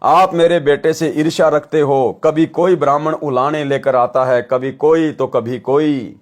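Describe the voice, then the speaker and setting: A man voicing a grieving mother who defends her son in a read-aloud scripture story, speaking slowly and pleading. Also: fairly high pitch, steady tone, lightly acted. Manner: pleading, slow.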